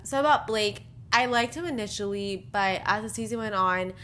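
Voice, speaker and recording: A woman's voice: medium pitch, fairly even intonation, normal speed, pushed and bright, a little hiss or hum. A young woman co-hosting a casual chat podcast, talking bluntly with lots of fillers and giggles. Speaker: podcast co-host. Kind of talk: casual chat about a reality dating show.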